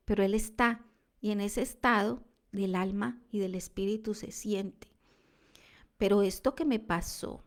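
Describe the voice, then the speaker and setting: Slow, earnest woman preacher. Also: fairly high pitch, vocal fry. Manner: earnest, reflective, drops to a soft whisper at times. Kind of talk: devotional testimony talk.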